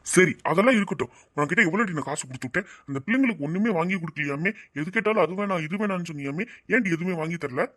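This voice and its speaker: A man's voice: high-pitched, animated, very fast, few pauses, a bit bright. A man voicing a hot-tempered village husband in a cartoon, blustering and threatening. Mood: accusing.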